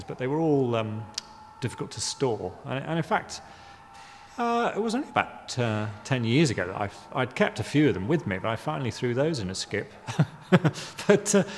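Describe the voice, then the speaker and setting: A man in his fifties from Guyana answers interview questions about his art, halting and wry, full of ums and restarts. His voice is gravelly. The sound carries a long reverb from a large exhibition space. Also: medium pitch, a little hiss or hum. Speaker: artist interviewee. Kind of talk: hesitant reflective interview answers. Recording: reverberant room.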